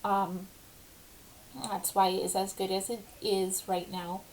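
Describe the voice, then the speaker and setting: Slow, halting woman with a speech impediment. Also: medium pitch, flat delivery, darkish tone, slight background noise, low-quality recording. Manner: slow, halting, with many ums. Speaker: vlogger. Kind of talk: casual personal update.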